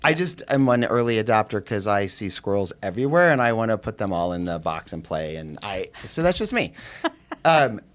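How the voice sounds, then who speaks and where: A middle-aged man, a realtor guest on a podcast, telling an anecdote in an animated way with plenty of fillers. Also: lowish voice, fairly quick. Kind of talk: casual storytelling on a podcast.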